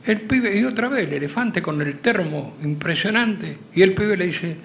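High-voiced Argentine man telling jokes. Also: normal speed, slight background noise. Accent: Argentine Spanish. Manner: animated storyteller, acts out the characters. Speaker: joke teller.

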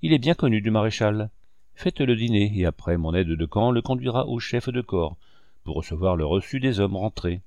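A kindly chief of staff calms an officer down, as a man reads his lines. The voice is low and dry, close to the mic. He speaks with steady reassurance. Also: normal speed, dry recording. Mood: formal.

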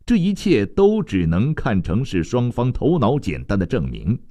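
A man narrating a novel as an audiobook in a measured, expressive reading. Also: medium pitch, no echo.

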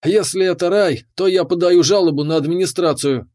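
A man doing a grumpy, excitable ship captain. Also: high-pitched, a little fast, voice pushed up, lightly acted. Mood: alarmed.

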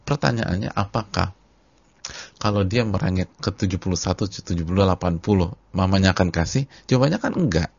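A man's voice: low-pitched, expressive, brisk, creaky, darkish tone, slightly rough, no room sound, muffled recording. A male Islamic preacher giving a sermon, repeating phrases for emphasis and addressing the congregation directly. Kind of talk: sermon on a hadith book.

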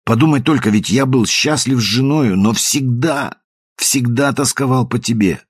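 Чтец в роли измученного страстью мужчины, хрипловатый голос, литературное чтение. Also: male voice, medium pitch, moderate pace, slightly rough, pitched above the performer's own voice, close to an everyday voice. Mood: pleading. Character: feverish man, tormented and obsessed with love.

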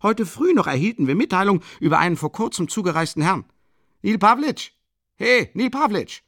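A man's voice: high voice, expressive, quick pace, no echo, studio quality, pitched above the performer's own voice. A man voicing a pompous, talkative middle-aged police official in an audiobook, chatty and indignant. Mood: gossiping. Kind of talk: audiobook character reading.

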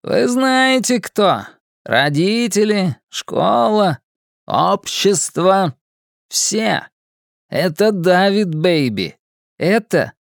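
A reader doing a loud show-off joker boy. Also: medium pitch, big pitch swings, very slow, creaky, no room sound, clean studio sound, voice pushed up, full character voice. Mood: clowning. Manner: mock newsreel announcer and swaggering tough-guy voices.

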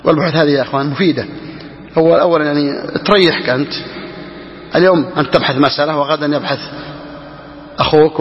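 A man teaching Islamic law to a class, reading lines slowly and repeating key phrases as he explains. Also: on the high side. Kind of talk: classroom lesson explaining a legal text. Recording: dull lo-fi recording with hall reverb.

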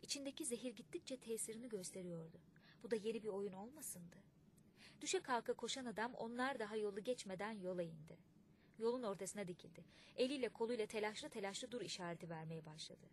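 A woman reading a literary audiobook in a measured, expressive way. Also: medium pitch, slight background noise. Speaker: audiobook narrator.

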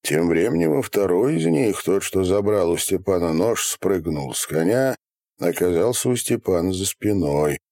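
Deep guy reading an audiobook, lively up-and-down delivery, very dry close mic. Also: normal speed, vocal fry, dry recording. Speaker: narrator. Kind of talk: audiobook narration.

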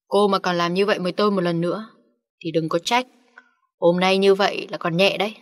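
A woman's voice: on the low side, flat delivery, normal speed, lightly acted. A woman voicing a hot-tempered young woman who speaks bluntly in an audiobook story. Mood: threatening. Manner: blunt, threatening.

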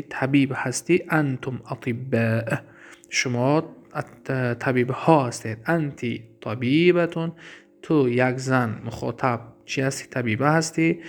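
A man with a Tajik accent teaching Arabic grammar in a class, reading each example slowly and then explaining it. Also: medium pitch.

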